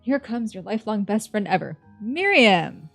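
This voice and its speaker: A woman's voice: mid-range voice, sing-song, moderate pace, vocal fry, a bit bright, soft background music. Swearing, laughing woman narrating a game. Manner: swears a lot, laughs often. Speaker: gamer reading a dating sim aloud. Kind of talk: casual gaming chat and narration.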